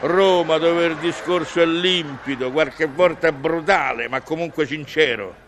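A man's voice: a little high, measured pace, a bit bright, slight background noise. A man with a Roman accent delivering a humorous, musing monologue in colloquial dialect, conversational and wry. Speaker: comic monologist.

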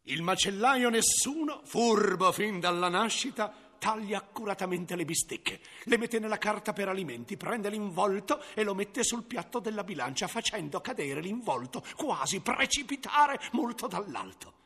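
A man's voice: high voice, expressive, moderate pace, hardly any pauses, sharp tone, slightly rough. A man narrating a 1970s radio comedy as a crafty butcher, theatrical and ironic. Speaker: narrator and first-person butcher.

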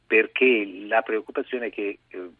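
A man speaking over the phone as a guest journalist, giving a measured news briefing. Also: lowish voice, steady tone. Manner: measured, explanatory. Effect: heard over the phone. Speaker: magazine deputy editor, guest journalist. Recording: dry tinny phone line.

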